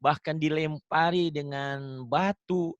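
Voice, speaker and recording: A man teaching the Quran online, chanting verses slowly and melodically, then explaining them in an animated, emphatic way. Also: fairly high pitch, smooth, no echo, muffled recording. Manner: animated, emphatic storytelling with rising bursts of emphasis. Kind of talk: Quran recitation and religious teaching. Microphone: video call.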